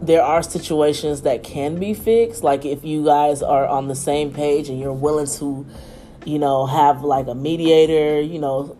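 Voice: medium pitch, warm tone. Candid podcaster reading a personal essay. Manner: candid and emphatic, with off-the-cuff asides.

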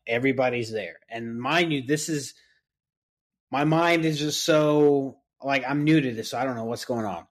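A firefighter on a podcast, casually telling a story and acting out the lines of the people in it. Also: male voice, mid-range voice. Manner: animated retelling, acting out others' lines.

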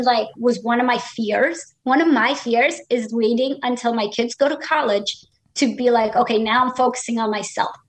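Woman, high voice, encouraging, casual motivational talk, acts out quotes.

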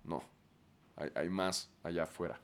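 A man's voice: deep voice, fairly even intonation, unhurried, a little hiss or hum. A man with a Mexican accent talking casually and profanely on his podcast, ranting and putting on mocking voices. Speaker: podcast host.

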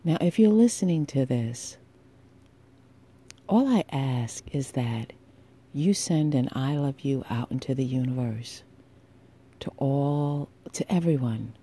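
With a very deep, mellow, husky voice, the solo podcast host speaks to her audience in a sultry, intimate way. She is slow and deliberate with pointed pauses, and her words are warmly encouraging and affectionate.

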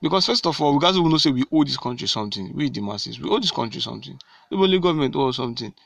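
A man's voice: mid-range voice, lively intonation, rapid-fire, vocal fry, a bit bright, no echo. A man with a Nigerian accent speaking directly to fellow citizens in a civic talk, repeating key phrases and answering his own questions.

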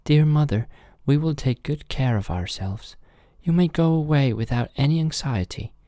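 Man doing high-pitched earnest little goat kids. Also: moderate pace, warm tone, no echo, studio quality, close to an everyday voice. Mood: reassuring. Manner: childlike, firm and earnest. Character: seven little goat kids, young, cautious, defiant.

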